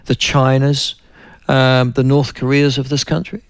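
A man's voice: medium pitch, monotone, unhurried, smooth, no echo. A man interviewing a guest, asking long, rambling questions. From New Zealand. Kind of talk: broadcast interview.

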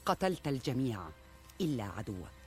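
Casting: male actor as cryptic court seer, formal and ominous, lively intonation, historical drama over faint music. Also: mid-range voice, brisk, lightly acted. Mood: ominous, firm. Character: cryptic royal seer, calmly defiant before a king. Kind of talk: Arabic historical drama acting.

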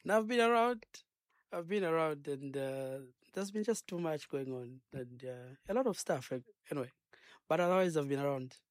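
A man's voice: fairly high pitch, expressive, normal speed, dry recording, studio quality. Earnest Zambian man, preachy and rambling. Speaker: gospel singer and minister guest. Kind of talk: radio interview.

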